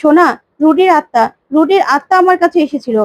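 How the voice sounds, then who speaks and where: A woman's voice: high voice, quick pace, dry recording, lightly acted. A woman doing a sly scheming older woman. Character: scheming middle-aged woman, sly manipulator.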